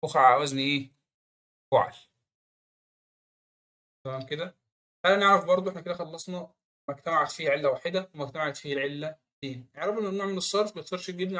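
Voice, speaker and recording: A man with an Egyptian accent teaching Arabic grammar, quizzing the viewer with quick rhetorical questions. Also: fairly high pitch, bright, forceful tone. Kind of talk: online grammar lesson.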